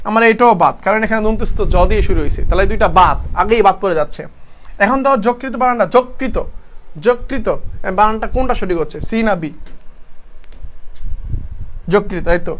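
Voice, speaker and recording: A man's voice: high-pitched, fairly bright tone. A young man from Chittagong gives an exam-prep lesson. He explains step by step, asks questions and answers them himself, and calls his students brother. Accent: Chittagong Bangla. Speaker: teacher.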